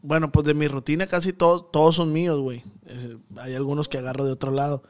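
A man's voice: fairly high pitch, little pitch movement, fast. A man from Mexico, hosting a casual podcast chat in a loose, slangy way with lots of fillers and restarts. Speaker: podcast host and comedian.

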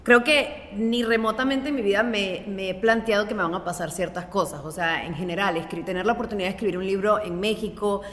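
A blogger from Maracaibo, Venezuela, in her late twenties, chats loosely as a guest in a casual interview, leaning on fillers like "o sea, como que." Her middle-pitched, slightly bright voice moves briskly with hardly any pauses, and a long reverb trails behind it.

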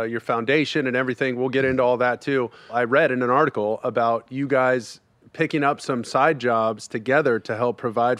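A man hosts a casual podcast interview with friendly, chatty energy. His voice sits in a middle pitch and sounds dry and close, with no room around it. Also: a bit bright, no room sound. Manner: upbeat, chatty, friendly questioning. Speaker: podcast host.

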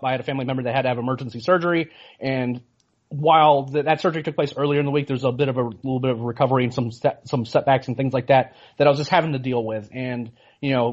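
Fast-talking man hosting a podcast. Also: medium pitch. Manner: rambling, apologetic, many fillers and restarts. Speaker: podcast host. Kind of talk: casual podcast chat. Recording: dull lo-fi sound.

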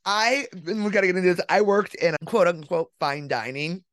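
A woman hosting a podcast, upbeat and quick to laugh in casual chat. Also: on the low side, dry recording, studio quality. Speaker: podcast host.

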